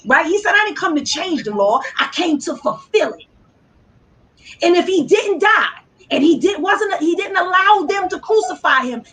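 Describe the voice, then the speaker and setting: A woman preaches motivation in a very high voice that climbs and dips all over the place. She fires off one rhetorical question after another with fervent, sermon-like drive, heard through a video call. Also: a bit bright, low-quality recording. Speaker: motivational speaker guest.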